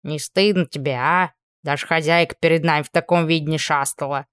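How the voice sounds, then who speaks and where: A woman voicing a grumpy, tiny, fur-covered old male house spirit who talks in a creaky, scolding way. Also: deep voice, steady tone, a little fast, a bit bright, no echo, clean studio sound. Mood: grumbling.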